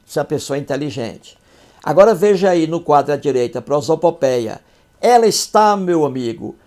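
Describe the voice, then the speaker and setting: A man with a somewhat high voice teaches a grammar lesson. He repeats his examples and keeps asking his listeners whether they have understood. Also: darkish tone. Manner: repetitive, checks understanding with rhetorical questions.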